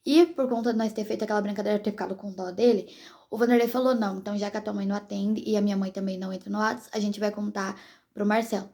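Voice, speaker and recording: A woman's voice: medium pitch, fairly even intonation, quick pace, warm tone. A young pregnant woman from Brazil chatting casually to her viewers as a vlogger, in a rambling, direct way.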